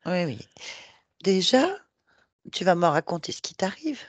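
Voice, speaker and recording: A woman hypnotherapist guiding a hypnosis session, coaxing and reassuring with gentle repetition. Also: on the low side, sing-song, measured pace, no room sound.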